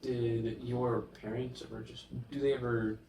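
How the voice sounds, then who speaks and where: A man's voice: mid-range voice, little pitch movement, unhurried, warm tone, echoey room, distant mic, slight background noise, low-quality recording. A man interviewing a guest with brief, plain questions.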